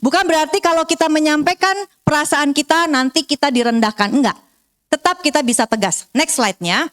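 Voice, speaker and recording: A woman counselor giving a seminar talk to parents, coaching them gently and acting out little parent and child exchanges. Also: high-pitched. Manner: warm coaching tone, guides breathing counts slowly and softly; acts out parent and child dialogue in changed voices.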